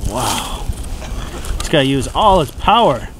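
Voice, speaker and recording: A woman's voice: rumbling low, sing-song, a little slow. A woman behind the camera on a beach gives cheerful, encouraging narration to young viewers as she films a child at play. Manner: cheerful, encouraging, talks to the kids watching. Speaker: parent filming a child's toy play. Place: outdoors on a shell-covered beach. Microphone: camera mic behind the lens. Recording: noisy outdoor audio with wind and water.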